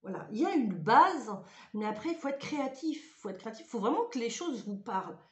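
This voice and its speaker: A woman's voice: fairly high pitch, sing-song, brisk. A woman giving a casual spoken tutorial in a chatty, hesitant way, with frequent fillers. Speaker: ritual practice vlogger. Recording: roomy echoey room.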